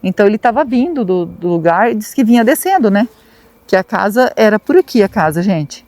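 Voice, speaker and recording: A woman's voice: medium pitch, very animated, fairly quick, a little mellow, dry recording. A Brazilian woman retelling a local legend outdoors at dusk, chatty and repeating words for emphasis. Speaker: paranormal vlogger. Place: outdoors at a rural site at dusk.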